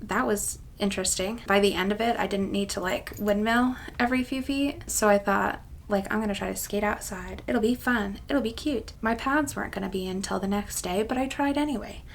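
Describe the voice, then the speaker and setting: A woman of about thirty-one runs through a casual, rambling vlog for her craft channel, self-deprecating as she addresses viewers. Her creaky, mid-range voice moves a little fast with hardly any pauses.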